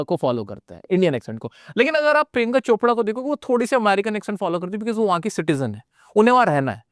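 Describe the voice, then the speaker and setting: A man with an Indian accent leads a lively online spoken English lesson, speaking straight to his students, motivating them and repeating phrases to make them stick. His voice is smooth and crisp, a little high for a man, and the close, dry recording has no room sound.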